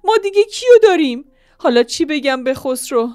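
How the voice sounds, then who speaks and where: A woman's voice: no echo, studio quality, close to an everyday voice. A woman voicing a distraught middle-aged mother who wails and cries out in shame. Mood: wailing. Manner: wailing, shrill, crying out.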